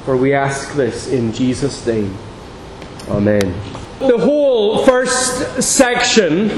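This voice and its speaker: A man preaching as pastor, reading scripture in a measured, deliberate way into a pulpit microphone. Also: sits high. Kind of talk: sermon with scripture reading and prayer. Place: large church sanctuary. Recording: echoey church hall with long reverb, faint hiss.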